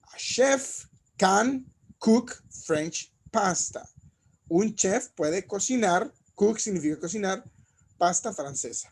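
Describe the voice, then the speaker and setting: A man teaching an English lesson, saying each phrase in English and then in Spanish, and slowing down to model pronunciation. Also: high-pitched, a little mellow, slightly rough. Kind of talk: bilingual classroom lesson.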